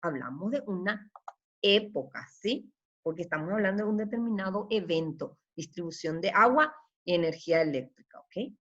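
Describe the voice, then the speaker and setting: A woman's voice: fairly low pitch, expressive, normal speed, a bit bright. A woman teaching a remote primary school lesson. She explains patiently, checks in constantly with her pupils, and praises their answers often. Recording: slightly dull lo-fi audio.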